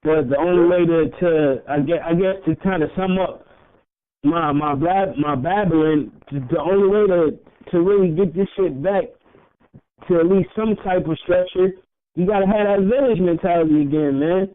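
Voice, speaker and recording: A man's voice: high voice, moderate pace. A young man co-hosting a podcast in casual chat, rambling, swearing and laughing often as he talks. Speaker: podcast co-host. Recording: tinny phone-like audio.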